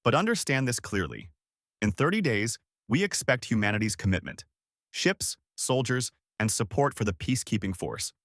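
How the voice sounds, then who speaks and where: Brief: formal alien council chief, read by a male narrator, measured and stern, lively pitch. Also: no room sound, studio quality. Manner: measured, formal, growing hard.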